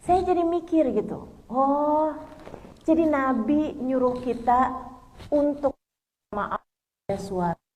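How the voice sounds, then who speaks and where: A middle-aged woman preacher giving a lively, conversational religious lecture to women, often acting out bits of dialogue. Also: high voice, slow pace, long pauses, a little hiss or hum. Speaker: Islamic preacher.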